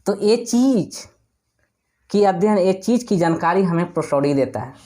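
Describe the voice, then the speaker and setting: A man's voice: high-pitched, lively intonation, mellow. Male teacher drilling pronunciation. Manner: repeats words slowly to drill pronunciation; explanatory, asks and answers his own questions. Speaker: English teacher. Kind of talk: classroom lesson explaining spelling and pronunciation.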